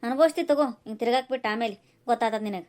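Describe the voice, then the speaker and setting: A woman voicing a sharp-tongued, complaining village mother in a cartoon. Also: a little high, fast talker, lightly acted. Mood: angry. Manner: scolding, sarcastic, complaining. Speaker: voice actor. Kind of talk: cartoon voice acting.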